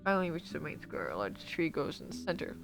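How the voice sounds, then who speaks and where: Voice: mid-range voice, big pitch swings, fast, gravelly. A streamer reading a text adventure aloud, often tripping over words and correcting themself, with faint guitar music behind. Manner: stumbling reads with self-corrections.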